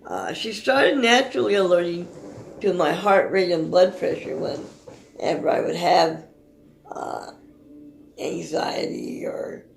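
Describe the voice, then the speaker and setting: A woman calmly explaining her service dog's tasks in casual talk, halting often with fillers and restarts. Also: lowish voice, vocal fry, roomy sound. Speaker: service dog owner.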